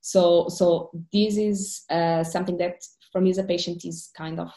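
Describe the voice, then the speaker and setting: A woman's voice: on the low side, fairly even intonation, moderate pace, mellow. A woman from Portugal, speaking as a panelist on a video call, often repeating her openers. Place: home room indoors. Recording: echoey room.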